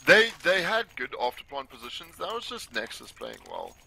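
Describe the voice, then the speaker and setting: A man's voice: on the high side, sing-song, moderate pace, gravelly, bright, forceful tone. A man giving esports color commentary as co-caster, explaining plays and correcting himself as he goes. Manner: explanatory, self-correcting, with some restarts. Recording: noisy stream audio with game gunfire. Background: game gunfire and clicks.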